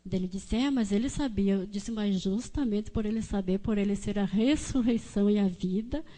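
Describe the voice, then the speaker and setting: Brazilian woman telling a church testimony, warm soft voice, chatty with lots of restarts. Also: mid-range voice, normal speed. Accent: Brazilian Portuguese. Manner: conversational, many fillers and restarts. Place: church hall.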